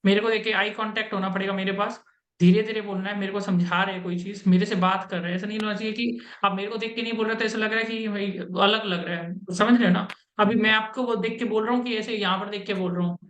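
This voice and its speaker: A man's voice: sits high, steady tone, fast talker, a bit bright, reverberant, muffled recording. A man with an Indian accent giving blunt mock interview feedback over a video call, mixing Hindi and English. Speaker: interview coach.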